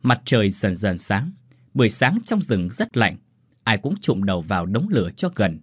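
A man narrating a ghost story in an expressive, dramatic way. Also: fairly low pitch, normal speed, breathy edge, no echo, studio quality.

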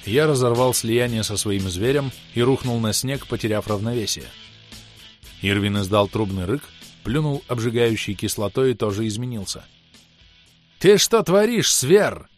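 A man's voice: on the low side, normal speed, soft background music. A man narrating a first-person fantasy audiobook in a tense, dramatic way.

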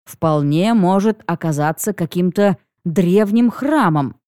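Casting: woman reading a sly older dragon uncle, drawling and mocking, lively swoops of pitch, dry studio sound. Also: a little slow, dry recording. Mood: wry. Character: wry, teasing older male dragon uncle. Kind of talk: audiobook reading.

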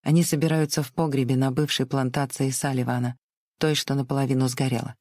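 A reader voicing a gentle, frightened young wife in an audiobook, earnest and trembling. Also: medium pitch, level tone, quick pace, no room sound, studio quality, close to an everyday voice. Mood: quietly steady. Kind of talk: audiobook reading.

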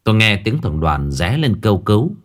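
Low-voiced man telling a ghost story. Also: fairly quick. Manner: lively, dramatic telling.

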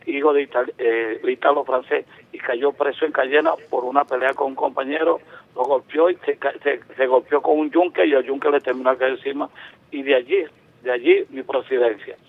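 Here a Venezuelan caller in his seventies talks into a radio show by phone, mid-range in pitch and moving at a normal speed. His long, emphatic turn is full of restarts, heard through a tinny line.

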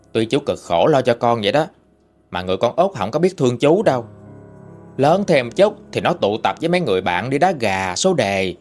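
A man, narrating a ghost story in a folksy, conversational way. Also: mid-range voice. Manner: folksy, lively retelling with rising and falling emphasis. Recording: faint background music.

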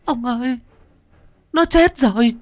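A woman's voice: on the high side, slow pace, faint music behind, pitched above the performer's own voice. A man voicing a panicked older village wife who stammers in fear, in a told ghost story.

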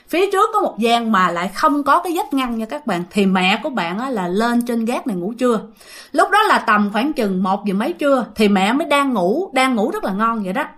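A woman's voice: a little high, fairly bright tone. A woman narrating a ghost story in a chatty way, talking straight to listeners. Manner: chatty, addresses listeners directly.

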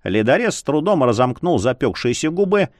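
A man narrating a fantasy novel in a dramatic, expressive reading. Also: fairly quick, dry recording. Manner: expressive, swinging pitch. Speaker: audiobook narrator. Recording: dry close studio sound.

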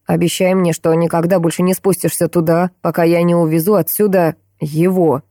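Stern frightened father, middle-aged doctor, clipped and agitated, read by a woman in her own low voice. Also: flat delivery, brisk, mellow, dry recording, studio quality, close to an everyday voice.

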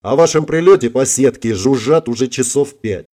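A man voicing a cocky young street tough, gruff and swaggering. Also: medium pitch, moderate pace, warm tone, natural voice.

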